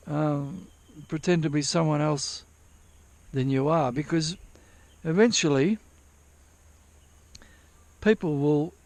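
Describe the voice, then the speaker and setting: A man's voice: a little high, a little mellow, dry recording. Rambling, swearing Australian man. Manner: rambling, repeats himself, swears freely. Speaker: vlogger. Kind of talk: casual rambling chat to camera.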